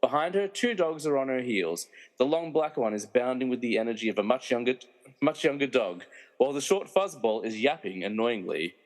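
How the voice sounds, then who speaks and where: A man narrates scene directions for a comedy mystery radio play, playing an opinionated, wry narrator setting each scene. His mid-range voice is brisk and expressive yet close to everyday speech, and a long echoing room reverb surrounds the scripted narration.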